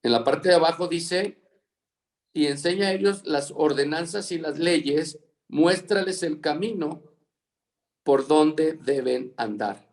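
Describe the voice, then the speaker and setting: A man's voice: on the high side, slow. A man teaching a Bible leadership lesson over a video call, dictating words for students to fill in and repeating them.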